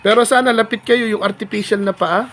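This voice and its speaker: A man vlogging in a polite, chatty way, halting with fillers, recorded outdoors at a rural home. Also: high-pitched, steady tone, a bit bright. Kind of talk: casual vlog chat.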